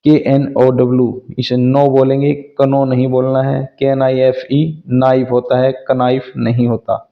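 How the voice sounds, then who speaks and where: A man's voice: medium pitch, flat delivery, moderate pace, creaky. A man teaching English phonics, spelling out words letter by letter and sounding each part patiently. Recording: dull lo-fi sound.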